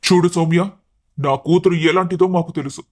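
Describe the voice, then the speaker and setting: Storybook figure: gentle older dad, anxious, lowered voice, played by a woman. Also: fairly even intonation, moderate pace, natural voice. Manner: pleading, anxious. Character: worried, gentle older father.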